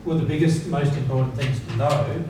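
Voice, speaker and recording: Teaching spiritual principles informally, a man speaks a little fast in a steady, fairly high voice, emphatic throughout. He repeats key words and asks rhetorical questions to see if listeners follow. A distant mic captures the noisy, strongly reverberant seminar room with its audience.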